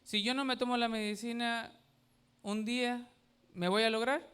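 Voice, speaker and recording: A man's voice: very high voice, steady tone, normal speed, pushed and bright, clear, resonant tone. A man, a pastor preaching a sermon, emphatic and asking the congregation questions. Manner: emphatic, asks the congregation questions and has them repeat.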